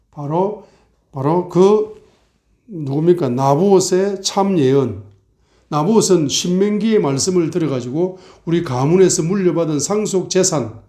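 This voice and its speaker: Man preaching a sermon in a mellow voice. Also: a little high. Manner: asks the congregation rhetorical questions; acts out mocking and complaining voices. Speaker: pastor.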